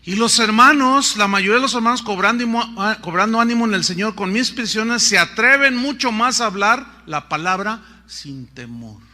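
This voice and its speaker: Preacher guy, middle-aged, high sharp voice, asks the crowd questions and cracks little jokes. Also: normal speed, hardly any pauses. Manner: animated preaching, rhetorical questions, playful asides. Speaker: pastor. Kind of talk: sermon.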